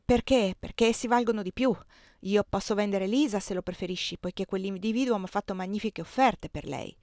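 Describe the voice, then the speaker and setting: A woman voicing a troubled middle-aged plantation owner who speaks in a low, subdued, reluctant way, in a dry recording. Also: fairly quick, darkish tone, no room sound, lightly acted. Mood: defensive.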